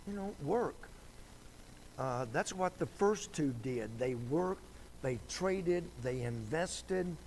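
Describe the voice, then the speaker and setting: A man teaching a Sunday Bible lesson in a slow, conversational preaching style, with dry sarcastic asides. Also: mid-range voice, lively intonation, darkish tone, slight background noise, poor audio.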